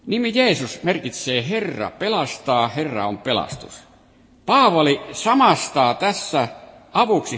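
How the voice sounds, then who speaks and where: A man's voice: a little high, a bit bright. A man preaching a sermon, reading and explaining scripture with rising and falling emphasis. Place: hall. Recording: long reverb of a hall.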